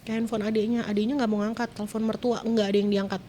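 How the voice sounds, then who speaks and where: A woman's voice: medium pitch, flat delivery, fast, mellow, slight background noise. A woman, a guest telling her own story in short clipped phrases, distressed and close to tears at times, her voice jumping up whenever she quotes someone. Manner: retells events in short clipped phrases, voice jumping up when quoting. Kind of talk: emotional personal storytelling.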